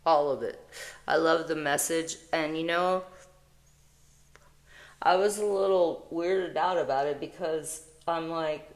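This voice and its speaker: Woman tarot reader, low voice, rambling emotional vlog chat full of restarts. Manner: rambling, emotional, self-interrupting; reads card text aloud slowly. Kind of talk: casual spiritual vlog chat.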